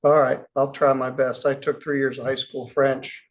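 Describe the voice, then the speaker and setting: Man, judge on the bench; gravelly, unhurried, plainspoken, recorded on dull courtroom audio. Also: mid-range voice, level tone. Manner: measured, plainspoken, chatty asides. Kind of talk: courtroom proceedings.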